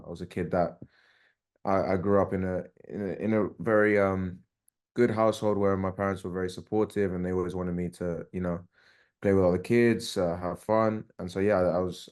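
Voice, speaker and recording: A young man with a London accent talks easily as a podcast guest. His voice is very deep, and he fills his sentences with "like" and "um" in an unhurried, relaxed way. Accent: London English. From England. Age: young adult. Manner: relaxed, easygoing, uses fillers like "like" and "um". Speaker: professional soccer player, guest. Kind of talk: casual interview.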